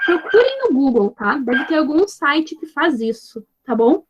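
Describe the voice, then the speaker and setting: A woman's voice: high voice, sing-song, lo-fi sound, noisy background. A woman teaching an English grammar lesson, patient and explaining step by step, checking in with her students after nearly every phrase. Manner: spells out examples slowly and clearly.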